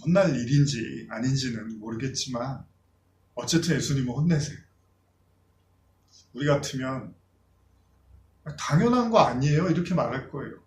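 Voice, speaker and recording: A man's voice: mid-range voice, normal speed, long pauses, a little mellow, roomy sound, slight background noise. A man preaching a sermon as a pastor, talking to his congregation in a conversational way and acting out the voices of people he quotes.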